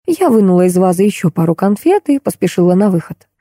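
A woman narrating an audiobook in the first person in a lively, ironic storytelling manner. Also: medium pitch, quick pace, dry recording, clean studio sound.

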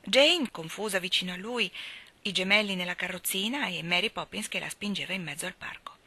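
A woman giving an expressive reading of a children's book in an animated storyteller's way. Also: lowish voice, fairly quick.

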